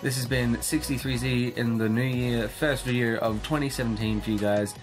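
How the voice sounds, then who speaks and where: A young man hosting a casual bedroom vlog, his voice tired and drained. He rambles along loosely and swears freely, at a middling pitch. Faint music plays softly behind him. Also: steady tone, normal speed. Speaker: channel host.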